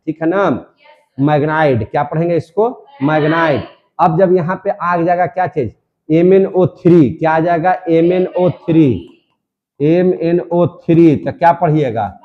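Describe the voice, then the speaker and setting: A man's voice: fairly high pitch, muffled recording. A male chemistry teacher lecturing a classroom, repeating each question and drilling the answer emphatically.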